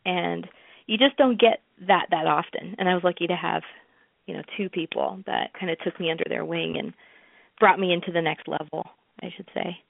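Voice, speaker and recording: Woman, chatty storyteller, gravelly voice, phone-line audio. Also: lowish voice, moderate pace, no room sound. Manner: chatty storyteller, many fillers and restarts, laughs often. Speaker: interview guest, music promoter. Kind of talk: casual interview talk.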